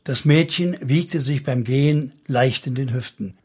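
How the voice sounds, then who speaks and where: A man narrating a solemn story in steady, scripted audiobook style. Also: medium pitch, measured pace, husky.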